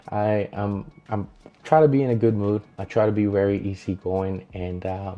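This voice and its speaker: A man from Colombia, his voice on the low side and steady, speaks at a moderate pace over somewhat dull audio. He introduces himself as a real estate agent in a relaxed, earnest vlog, loosely delivered with many fillers, from a small, dim home studio with colored lights.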